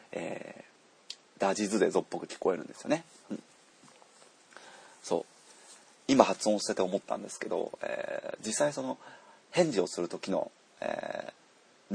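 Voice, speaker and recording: A man teaching pronunciation to learners, unhurried, with many drawn-out fillers. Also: lowish voice, gravelly, a little mellow, breathy edge, dry recording. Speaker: Korean language teacher.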